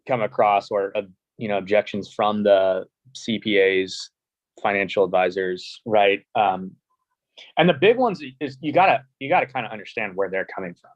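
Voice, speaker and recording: A man's voice: lowish voice, no echo, lo-fi sound. A man speaking as a guest on a casual webinar over a video call, conversational and acting out other people's objections. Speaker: guest panelist.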